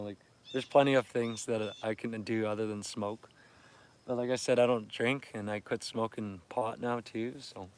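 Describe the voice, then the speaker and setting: A smooth, mid-range voice belongs to a sleep-deprived Canadian man in his 30s who livestreams fishing. At dawn by a lake near a campsite, he chats casually to viewers on his phone, laughing often and keeping his voice down.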